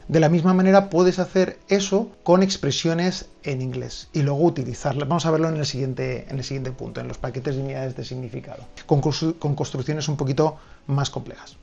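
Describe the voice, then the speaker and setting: A language teacher gives a video lesson on learning languages, speaking directly to the viewer and checking in often with "¿vale?". His voice is fairly high, gravelly and darkish, and the sound is lo-fi.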